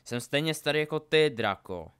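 A guarded grown wizard who answers in a calm, measured, firm voice, as a male reader puts him on. He speaks close to the reader's own tone, even and controlled. The delivery stays grounded rather than raised. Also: fairly high pitch, clean tone, pitched above the performer's own voice.

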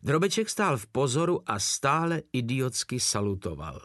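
A man narrating an audiobook in a steady storytelling manner. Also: medium pitch, dry recording, studio quality.

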